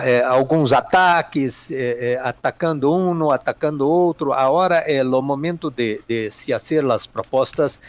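A man's voice: medium pitch, a little mellow, no echo. A man from Minas Gerais with a Mineiro Brazilian accent, answering interview questions hesitantly, with many fillers and Spanish words mixed in. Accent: Mineiro Brazilian Portuguese. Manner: mixes Spanish words into Portuguese. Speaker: political analyst guest.

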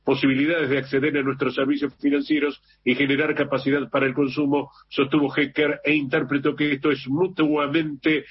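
A man's voice: fairly high pitch, brisk, hardly any pauses. Argentine man hosting morning radio news. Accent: Argentine Spanish. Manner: relaxed, repeats and corrects himself, chatty asides. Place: radio studio. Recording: slightly muffled radio broadcast with faint hiss.

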